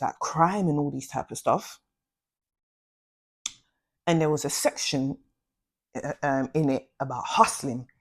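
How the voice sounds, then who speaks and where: A young woman telling a slangy, animated storytime vlog. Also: low-pitched, breathy edge. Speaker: vlogger.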